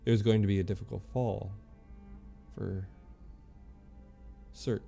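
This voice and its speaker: Gravelly low-voiced man reading lore aloud. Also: level tone, mellow, soft background music. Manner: halting reading with stumbles and self-corrections. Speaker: streamer.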